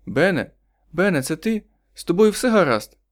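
A man's voice: a little high, normal speed, voice pushed up, close to an everyday voice. A man voicing an anxious young wife. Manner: anxious, wary. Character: young worried wife and mother.

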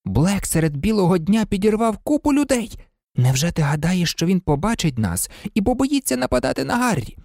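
An audiobook reader voicing an earnest know-it-all teenage girl who talks quickly and insistently. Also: medium pitch, very animated, gravelly, a little mellow, dry recording, clean studio sound, pitched above the performer's own voice. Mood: scolding. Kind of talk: audiobook character reading.

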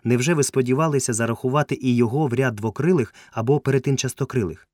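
A man voicing a polite, genteel lady who gently teases her cousin, recorded close and dry. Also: medium pitch, fast, no echo, pitched above the performer's own voice, close to an everyday voice. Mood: courteous, teasing. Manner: gently teasing, courteous.

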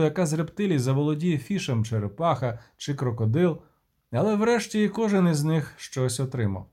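A male audiobook narrator who reads at a steady, measured pace. His voice sits a little above average in pitch and sounds dark and mellow.

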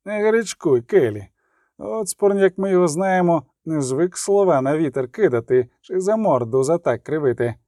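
A man's voice: on the high side, expressive, moderate pace, warm tone, no echo, studio quality, close to an everyday voice. A man voicing a stern, commanding male outlaw leader in an audiobook. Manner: restraining, commanding.

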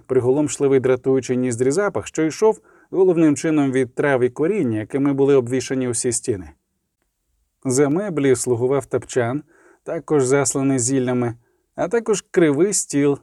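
A man narrating a fantasy audiobook in a measured, even storytelling manner. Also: mid-range voice, no echo, studio quality.

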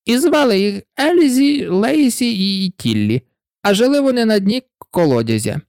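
A reader voicing a sleepy little male dormouse in a storybook, hoarse and feeble, drawling slowly as if half asleep. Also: mid-range voice, big pitch swings, darkish tone, no echo, clean studio sound, voice pushed up. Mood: drowsy. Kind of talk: storybook reading.

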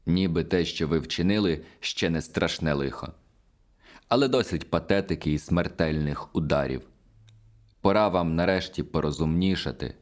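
A sardonic spirit of a composer lectures and mocks, dry and cutting in his irony, as a male audiobook reader puts him on. The voice sits extremely low. It is a storybook telling in scolding, lecturing tones. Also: moderate pace, natural voice. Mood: ironic scolding. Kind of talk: audiobook dialogue reading.

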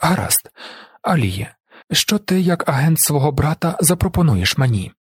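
A man's voice: a little high, sing-song, normal speed, slightly rough, no echo, studio quality, voice pushed up, heavily acted. A man voicing a cunning, menacing male shapeshifter who bargains and threatens in a gloating, silky way in an audiobook. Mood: gloating menace. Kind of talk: audiobook character voice.

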